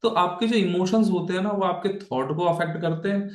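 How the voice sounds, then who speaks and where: A man's voice: sits high, a little fast, roomy sound. A man giving a casual online lesson, talking in a conversational way, checking in with his listeners often and slipping English phrases into his speech. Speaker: Bhagavad Gita teacher.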